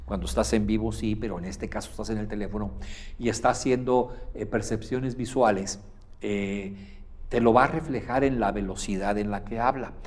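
A man giving an instructional lecture, often pausing on "eh" and demonstrating faster or slower, higher or deeper speech as he teaches. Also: fairly even intonation. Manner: demonstrates pace and pitch changes while teaching, with frequent "eh" fillers.

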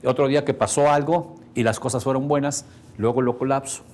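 A man's voice: mid-range voice, brisk. A man with a Mexican accent giving a motivational course, telling stories and often asking the audience whether they follow him. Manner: animated, storytelling, asks the audience questions. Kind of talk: motivational seminar talk.

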